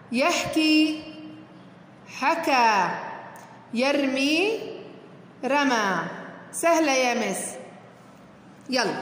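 A woman's voice: high-pitched, fairly bright tone. A woman teacher, explaining a worksheet step by step and encouraging her fourth-grade pupils. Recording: echoey room with long reverb, faint noise.

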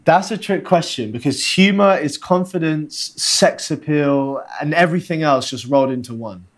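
A man's voice: fairly high pitch, moderate pace, lightly acted. An actor playing a playful young man with a London accent, bantering on a video date in a game. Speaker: dating-game character. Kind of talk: scripted video-date acting.

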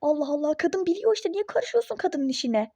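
A woman's voice: very high voice, expressive, a little fast, creaky, warm tone, no room sound, exaggerated voice. A woman voicing a meddling, superstitious young woman friend in a phone-game role-play story, nagging and insistent.

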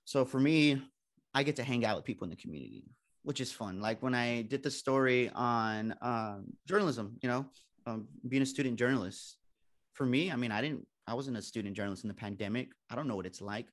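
A man's voice: medium pitch, brisk. Chatty young man joking with students. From San Antonio, Texas. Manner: chatty, self-joking, acts out quoted people. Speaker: guest speaker, TV reporter. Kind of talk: casual talk to a student audience.

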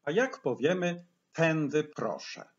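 A man teaching a language lesson, patiently explaining and saying each example phrase slowly twice. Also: fairly high pitch, sing-song, dull audio. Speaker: English teacher.

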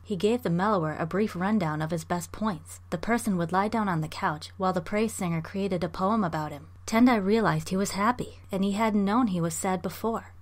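A woman talks through a novel and reads passages from it aloud, measured and clear. Her voice sits a little low for a woman. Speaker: book reviewer and reader. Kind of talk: book review with read-aloud passages.

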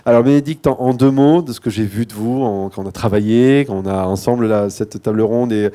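A man's voice: medium pitch, a little fast, mellow. A man moderating a live panel discussion, introducing guests with frequent restarts, self-corrections and light joking asides.

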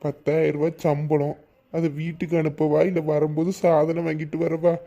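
Man playing an exasperated husband, Kanyakumari Tamil accent, mellow dark tone, scolding, comedy sketch. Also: fairly high pitch, little pitch movement, moderate pace, lo-fi sound, lightly acted. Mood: irritated. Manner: irritated, scolding. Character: exasperated husband leaving for work abroad.

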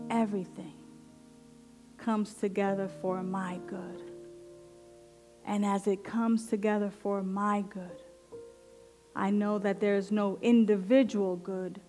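A woman minister leading a guided affirmative prayer in slow, deliberate, meditative phrases with long pauses. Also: mid-range voice, mellow. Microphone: headset microphone.

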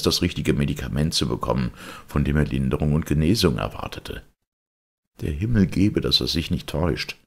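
A man's voice: rumbling low, vocal fry, voice pushed up, full character voice. A man voicing a resolute, middle-aged male lawyer in an audiobook, speaking firmly and emphatically. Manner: firm and emphatic. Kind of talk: audiobook character reading.

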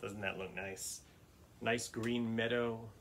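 A man reading a picture book aloud for children's storytime, often pausing to ask the listeners questions about words. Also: on the low side, steady tone, a bit bright, slight background noise.

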